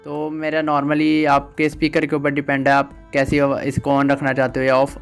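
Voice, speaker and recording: A man explains phone settings one step at a time, patient and methodical, with a smooth, clear voice. He sits a little high in pitch and keeps his delivery fairly flat. Faint music plays underneath. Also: normal speed. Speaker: tech tutor.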